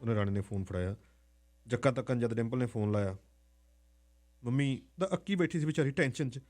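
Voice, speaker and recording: A man narrating a dramatic story in a hushed, unhurried way. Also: medium pitch.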